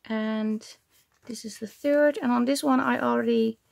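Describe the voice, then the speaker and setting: Woman crafting vlogger, gravelly, fairly high voice, chatty, searches for words. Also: steady tone, a little slow, darkish tone. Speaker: junk journal crafter and channel host. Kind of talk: casual crafting vlog chat.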